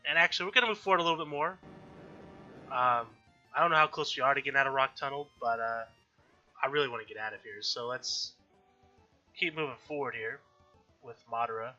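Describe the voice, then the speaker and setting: A mid-range male voice with a sharp tone moves a little fast yet pauses often, carrying an allergy-stuffed, slightly nasal sound. He hosts a let's-play, chatting casually about his game, frequently self-correcting and clearing his throat. Faint background music plays on a dull, lo-fi recording.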